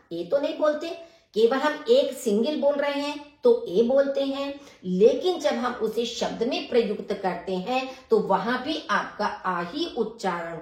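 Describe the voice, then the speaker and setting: A woman teaching German letters to beginners, patiently repeating each sound and asking her students questions as she goes. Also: fairly high pitch. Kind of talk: slow step-by-step lesson explanation in Hindi. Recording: echoey room.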